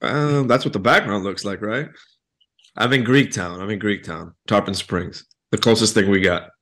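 Relaxed low-voiced male podcast host. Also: moderate pace. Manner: relaxed, friendly, reads scripted intro and ad. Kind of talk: casual interview chat.

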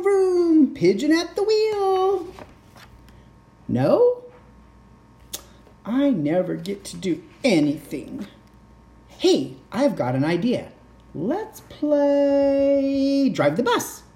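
Woman putting on a high, wheedling little pigeon. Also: very animated, very slow, long pauses, mellow, echoey room, exaggerated voice. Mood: gleeful. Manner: wheedling, whiny, exaggerated. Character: pleading, pushy, childish cartoon pigeon. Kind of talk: picture-book character read aloud.

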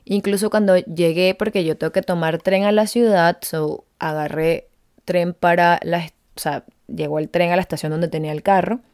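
Podcast host, young woman, confiding storyteller, some vocal fry, dry close sound. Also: fairly low pitch, fairly even intonation, moderate pace, a little mellow, no room sound. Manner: chatty, confiding, emotional storytelling. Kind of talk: casual personal monologue.

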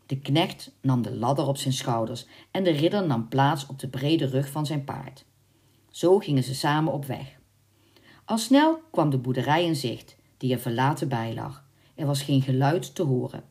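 A woman narrating a storybook in a measured, expressive way. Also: extremely low pitch.

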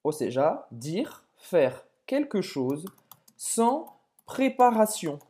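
A woman co-hosting a podcast language lesson. She says French words slowly and repeats them for listeners to copy. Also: fairly low pitch, sing-song, dark tone. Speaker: co-host and French teacher.

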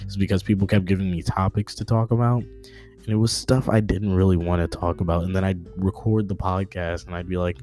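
A man's voice: sits low, flat delivery, fairly quick, warm tone, faint music behind. A young man hosting his own podcast, talking off the cuff in a joking, rambling way and tripping over his words. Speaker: podcast host. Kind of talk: unscripted casual podcast update.

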